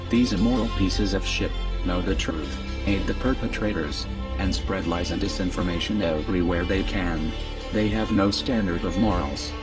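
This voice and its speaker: A man reading a scripted anonymous message in a disguised, pitched-down deep voice, with a stern, declamatory and measured delivery. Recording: distant voice under loud music.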